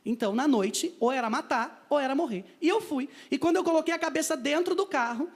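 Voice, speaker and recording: This Brazilian Portuguese-accented missionary recounts a personal testimony in vivid storytelling style, performing each line of dialogue. His very high-pitched voice is animated and fairly quick.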